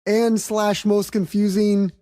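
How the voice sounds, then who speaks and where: A woman's voice: medium pitch, flat delivery, slow, dark tone. A woman hosting a casual film review chat, speaking emphatically with plenty of slang and swearing. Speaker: podcast host.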